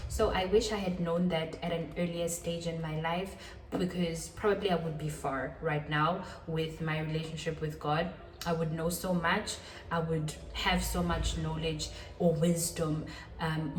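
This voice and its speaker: A young woman in her twenties chats casually to her viewers, her voice sitting a little low. She is self-deprecating and repeats her points for emphasis. The sound is roomy and echoey, and she sits back from the mic. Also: recorded from a distance. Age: 20s. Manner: chatty, self-deprecating, with quick laughs and repetitions. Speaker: channel host. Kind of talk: casual talking-head vlog.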